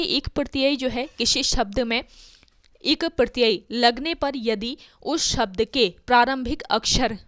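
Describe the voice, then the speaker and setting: Lady teacher going over grammar rules step by step, bit high pitched, dry sound. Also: fairly bright tone, dry recording. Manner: explains step by step, asks and answers her own questions. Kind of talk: exam-prep grammar lesson.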